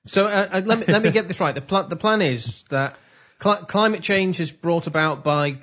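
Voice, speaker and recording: Male podcast co-host, slightly high, easy laugher, halting explainer, muffled audio. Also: a bit bright. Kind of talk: casual comedic chat.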